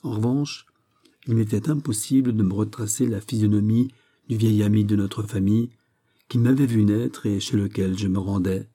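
Dark-voiced male reader of a story. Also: fairly low pitch, fairly even intonation, normal speed. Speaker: audiobook reader. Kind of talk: literary narration.

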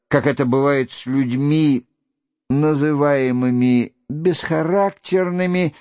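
A man reading a classic novel aloud in slow, measured literary narration. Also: no echo, highs cut off. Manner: slow, measured reading, voicing quoted shouts louder and higher. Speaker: audiobook reader.

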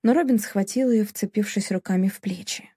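A woman's voice: medium pitch, a little fast, mellow, husky, no echo, clean studio sound. A woman narrating a novel as an audiobook, in a dramatic storytelling manner. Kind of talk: scripted narration.

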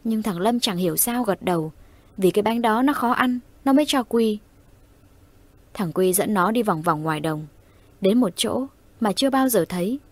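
Woman narrator, horror audio story, steady suspenseful read, mid pitch, dry close mic. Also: normal speed, dry recording.

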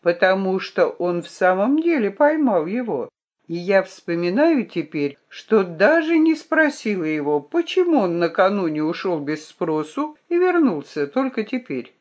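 Woman reading an audiobook, lively pitch, storytelling, first person. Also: unhurried, lo-fi sound. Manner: expressive storytelling. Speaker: audiobook narrator.

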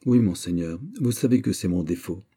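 A male reader voicing an earnest young courtier, measured and respectful, in an audiobook. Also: low voice, dark tone, slightly rough. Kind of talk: audiobook character reading.

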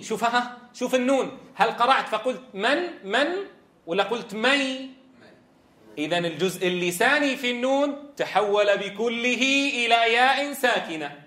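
A man's voice: high voice, bright, forceful tone, reverberant. A man teaching Quran recitation, asking students questions and demonstrating sounds. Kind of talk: tajweed lesson.

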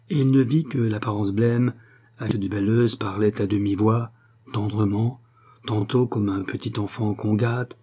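A man reading a literary short story aloud in measured narration. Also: medium pitch, dark tone, breathy edge. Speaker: audiobook reader. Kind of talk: scripted narration.

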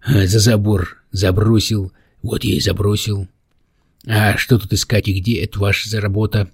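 A man voicing a small, mischievous male demon who talks in a high, squeaky, excitable way in an audiobook. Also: moderate pace, gravelly, breathy edge, dry recording, clean studio sound. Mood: teasing.

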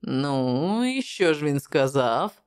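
A woman's voice: low voice, big pitch swings, slow pace, a little mellow, smooth, heavily acted. A woman voicing a jovial, wry male journalist who talks in a bantering way.

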